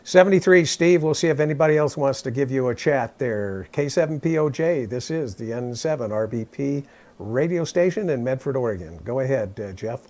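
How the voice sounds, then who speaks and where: A man's voice: medium pitch, expressive, fairly quick, a little mellow, a little hiss or hum. A man working as an amateur radio operator, calling and chatting in military radio style with procedural phrasing. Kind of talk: casual ham radio net exchange. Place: at his radio station.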